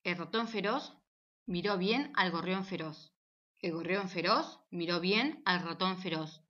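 A woman's voice: lowish voice, measured pace. Woman, storybook narration, playful, dull lo-fi recording. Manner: animated and playful. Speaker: audiobook narrator.

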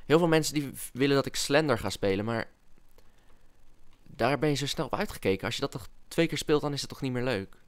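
Excitable young man playing a game. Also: medium pitch, brisk, clear, resonant tone. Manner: excitable, chatty, whispers and coaxes to game animals. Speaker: gaming YouTuber. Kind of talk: casual Let's Play commentary.

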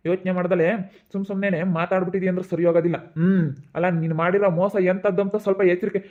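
A man plays a stern uncle who lectures in a high, flat, rapid voice with a village Kannada accent. The recording is tinny and phone-like. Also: natural voice. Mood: lecturing. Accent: Kannada, Karnataka village dialect. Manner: lecturing, warning. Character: stern self-assured uncle issuing warnings.

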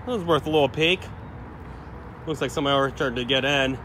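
Speaking fast in a mid-range, slightly bright voice, this man films a handheld phone vlog outside an abandoned restaurant and its parking lot. He explores abandoned places, chats straight to his audience and exclaims often, with slight background noise.

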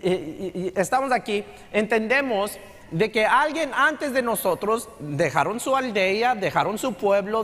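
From a big church sanctuary stage, a middle-aged man from Texas preaches conversationally, moving between Texan-accented Spanish and English phrases. His voice sits high with a fairly bright tone, and the recording carries the sanctuary's long reverb.

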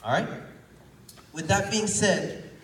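A high-pitched, slow-paced young man preaches a casual sermon, hoarse because he's ill, his conversational delivery climbing when he stresses a point. The phone recording made from the pews of the small church hall is distant and echoey, with a little hiss or hum, and the congregation is present.

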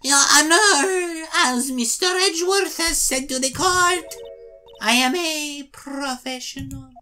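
Man putting on a very squeaky leprechaun-like cartoon lady. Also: slow, bright, forceful tone, exaggerated voice. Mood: coy. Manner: sing-song squeaky leprechaun-like lilt. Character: bubbly sly female lunchbox-selling witness, cartoonish. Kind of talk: comic voiced read-through of a courtroom video game. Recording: game music behind.

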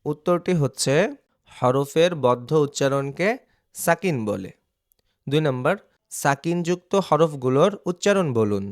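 A man teaching Quranic letter reading in an online lesson, spelling out syllables slowly and repeating each one, often checking in with his students. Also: medium pitch, animated. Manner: slow, drilling syllables one by one, asking "ঠিক আছে?".

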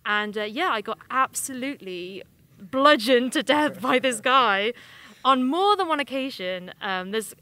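A young adult woman, a games journalist, shares hands-on impressions of a game into a handheld microphone in a small indoor room at a games convention. Her slightly high voice is bright, expressive, and forceful, at a measured pace, and her chatty, casual phrasing is slangy and rambling.

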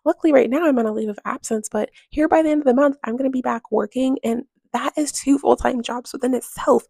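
A young home vlogger chats casually in voice-over while cleaning, talking about her home and money in a candid, emphatic way and often firing off rhetorical questions. Her voice is high, creaky, and dark in tone, steady and fast. There is no echo.

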